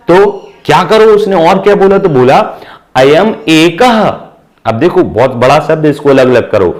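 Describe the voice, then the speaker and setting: Male teacher, animated pitch, explains a text piece by piece, quizzes the class and answers himself. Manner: questions the class and answers himself, repeats words slowly. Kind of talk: Sanskrit lesson explained in Hindi.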